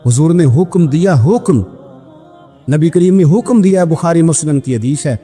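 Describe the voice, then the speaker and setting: Brief: Pakistani male preacher, high-set voice, dramatic storytelling sermon, long hall echo. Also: expressive, warm tone, breathy edge. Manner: emphatic, voice climbs high at emotional peaks. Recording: long hall reverb with music behind.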